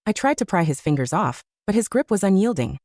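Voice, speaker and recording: Woman narrator, first-person audiobook, lively intonation, mellow voice, dry close sound. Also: medium pitch, fairly quick, no echo.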